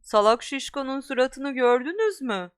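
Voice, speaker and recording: A woman's voice: high-pitched, lively intonation, normal speed, smooth, pitched above the performer's own voice. A woman voicing a spiteful schoolboy bully who mocks and taunts the other children. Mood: taunting. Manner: mocking, taunting.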